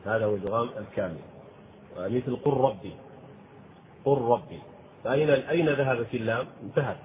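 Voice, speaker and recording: A man teaching the rules of Quran recitation, explaining slowly and deliberately and chanting short verses as examples. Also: mid-range voice. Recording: tinny phone-like audio with faint noise.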